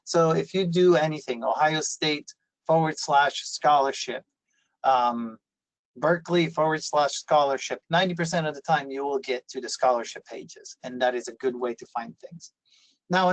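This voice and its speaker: Raised in Italy, this man presents at a university webinar on a video call, filling his explanations with fillers and frequent restarts. His voice sits on the high side, and the recording is rough but free of echo.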